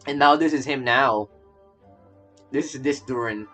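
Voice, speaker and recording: A mid-range male voice, pushed and bright, talks unhurriedly over game music. He's a streamer reacting to a game's story, commenting casually while stammering and circling back to repeat his phrases.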